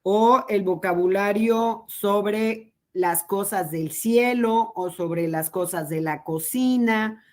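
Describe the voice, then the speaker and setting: A woman with a Mexican Spanish accent giving a training lecture to teachers, explaining slowly and patiently with pauses. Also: medium pitch.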